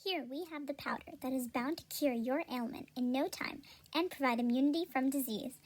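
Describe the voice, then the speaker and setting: Woman performing pharmaceutical ad pitchwoman, high female voice, upbeat, persuasive, scripted commercial parody. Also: fairly quick, a little mellow. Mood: enthusiastic selling. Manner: salesy, persuasive announcer delivery. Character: upbeat 17th-century female drug-commercial pitchwoman selling cures.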